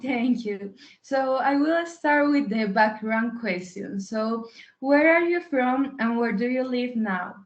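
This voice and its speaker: A woman's voice: fairly high pitch, animated, slow pace. A young woman asking a guest interview questions in a careful, friendly way. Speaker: interviewer from a youth group. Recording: dull lo-fi call audio.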